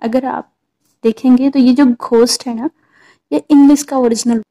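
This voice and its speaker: A woman's voice: fairly high pitch, fairly even intonation, normal speed, dark tone. A woman patiently explaining English pronunciation to viewers, repeating points and checking in with them. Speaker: teacher.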